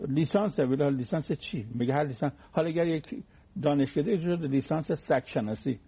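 A man's voice: on the high side, vocal fry, husky, highs cut off. A man giving a conversational religious talk on the radio, teaching through everyday anecdotes and homely examples.

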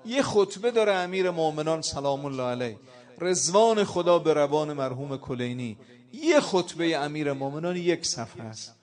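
A man preaching a sermon with passion, rising loud on quoted Arabic and key points. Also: a little high, sing-song.

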